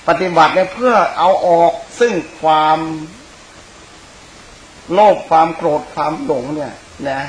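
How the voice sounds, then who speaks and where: A man, a Buddhist monk and teacher, giving an informal Dhamma sermon in a conversational, rambling way, speaking directly to his listeners. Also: fairly high pitch. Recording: echoey room, clear background hiss.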